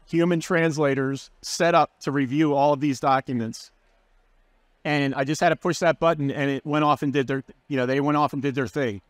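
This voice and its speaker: Male guest speaker, slightly high voice, dry close sound, casual and enthusiastic. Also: dry recording. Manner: casual, enthusiastic, explaining with fillers. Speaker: guest speaker, learning and development manager. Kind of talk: conference session talk.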